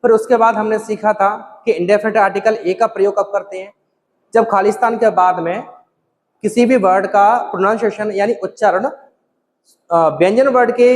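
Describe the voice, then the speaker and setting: A man explains English grammar to his students at a board. He slows right down to spell out each example sentence. A long hall reverb trails behind his words. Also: high voice. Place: classroom with a board.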